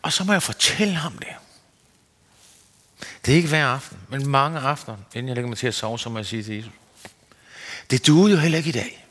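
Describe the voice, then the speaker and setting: A man's voice: long pauses, bright, forceful tone. Man preaching with long hall reverb. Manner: earnest, searching, rises and falls in pitch. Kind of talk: sermon.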